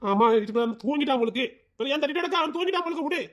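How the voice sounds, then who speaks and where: A woman's voice: sits high, lively intonation, very fast. A woman voicing a dismissive middle-aged husband who grumbles.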